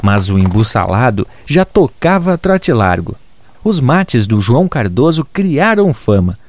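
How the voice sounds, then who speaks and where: A man narrating a regional folk tale in an expressive, rhythmic way. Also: mid-range voice, measured pace. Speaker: storyteller.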